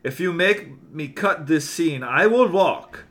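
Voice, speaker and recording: Guy putting on a blustery movie producer, cusses a lot, bouncy pitch. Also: expressive, slow pace, a bit bright, heavily acted. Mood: blustering. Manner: blustering, swearing outbursts. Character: gruff angry male film producer.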